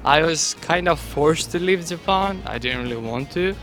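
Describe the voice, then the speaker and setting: A man from Greece, a student, telling his story in an animated, casual interview. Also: fairly high pitch, moderate pace, faint music behind.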